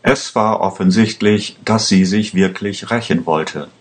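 A man narrating a story in a plain, deliberate reading style. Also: on the low side. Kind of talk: slow audiobook narration.

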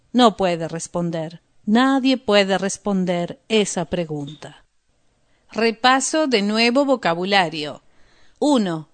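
A woman narrating a story slowly and deliberately for language learners, then reviewing vocabulary. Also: medium pitch. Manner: slow, deliberate, clear. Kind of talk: slow scripted narration for learners.

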